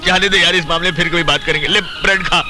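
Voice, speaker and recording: A man plays a henpecked, down-on-his-luck pal in a film comedy. He is timid and flustered, protesting in a rather high voice with music clearly behind him. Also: fairly even intonation, fast talker, lightly acted. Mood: evasive. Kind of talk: broad Hindi film comedy acting.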